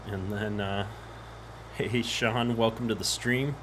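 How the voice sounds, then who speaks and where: A man's voice: fairly low pitch, steady tone, slow. A man hosting a casual game live stream, easygoing and chatty, in an echoey room. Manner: easygoing, chatty greetings to viewers. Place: echoey home office. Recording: echoey room, clear background noise.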